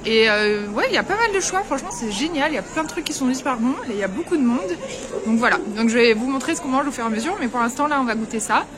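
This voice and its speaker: This fast-talking young woman has a high, animated voice and addresses her viewers head-on in a chatty, filler-heavy travel vlog. Outdoors among snow, a castle and a Christmas market, she tries market food as crowd and street noise carry on around her.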